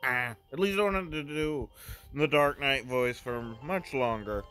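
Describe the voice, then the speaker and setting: A man's voice: mid-range voice, a little slow, bright, forceful tone, faint music behind. Rambling man doing game commentary. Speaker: gaming let's play host. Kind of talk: casual let's play commentary. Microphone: phone recording.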